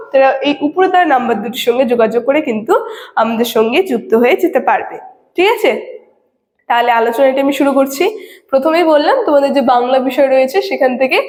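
A woman's voice: sits high, a little mellow. A woman teacher giving a classroom lecture, explaining step by step and often checking in with her students. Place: classroom with a board. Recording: echoey room with long reverb.

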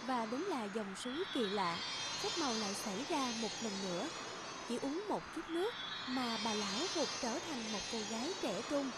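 A woman narrating a fairy-tale cartoon in a gentle, even storytelling delivery. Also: a little high, heavy background noise. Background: loud background music.

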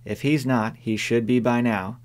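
A man voicing a sharp-tongued older woman neighbor in an audiobook, dry, firm and plain-spoken. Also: mid-range voice, steady tone, normal speed, clean tone, natural voice. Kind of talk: audiobook character voice.

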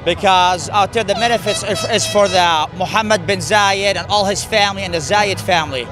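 A man's voice: sits high, moderate pace, over music. A young man of Palestinian family, interviewed outdoors at a rally, giving blunt, emphatic opinions. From Palestinian family, born in the UAE. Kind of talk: street interview. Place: outdoor rally on a park lawn.

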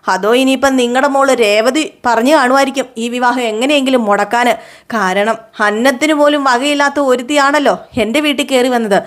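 A woman's voice: on the high side, natural voice. A woman voicing a haughty, contemptuous mother-in-law who scolds and belittles the people around her. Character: haughty scornful middle-aged mother-in-law.

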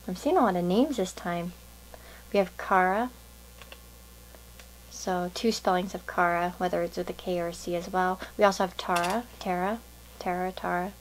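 A woman's voice: lowish voice, fairly even intonation, moderate pace, long pauses, a little hiss or hum, low-quality recording. A woman giving a casual pick-a-card tarot reading to viewers, musing and thinking aloud in a meandering way.

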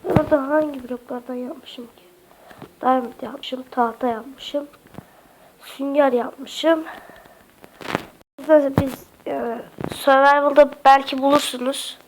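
Over a noisy background, a woman narrates a casual game tutorial slowly, leaving long pauses, her high voice fairly even in intonation. She is a Minecraft YouTuber with a slightly sick voice and occasional coughs, chatty yet hesitant, frequently speaking to viewers as friends.

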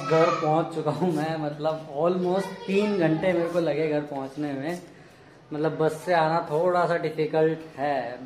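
A young man from India, chatting casually to camera in a travel vlog. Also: on the high side. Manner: chatty, talks straight to camera with hand gestures. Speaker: vlogger. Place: busy roadside outdoors in summer heat; small room at home. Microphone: phone camera at arm's length. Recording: echoey with loud street noise. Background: street traffic.

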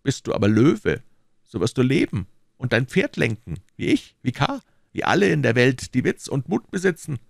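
A man voicing a scheming, smooth-talking schemer who coaxes and lectures in a patronizing way. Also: medium pitch, no room sound, clean studio sound, voice pushed up, exaggerated voice. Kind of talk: audiobook character voicing.

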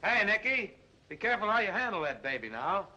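An actor playing an easygoing young cab driver with a breezy, coaxing way of talking, on a dull old 1930s film soundtrack. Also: male voice, sits high, big pitch swings, a little fast, sharp tone, heavily acted.

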